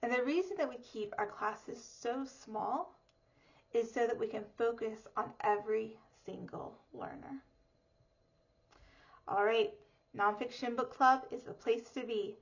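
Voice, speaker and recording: A woman teacher talks parents through her reading classes in an upbeat, explanatory way. Her voice sits a little high. The recording is a bit muffled and lo-fi. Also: unhurried. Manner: upbeat, clear and explanatory, with lively emphasis. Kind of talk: informational presentation to parents. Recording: slightly dull lo-fi audio.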